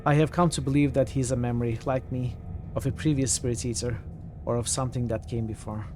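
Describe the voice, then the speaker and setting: A man's voice: mid-range voice, steady tone, fast, noisy background, lightly acted. A man voicing a very old, weary spirit, cryptic and urgent, in a video game. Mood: grave, weary.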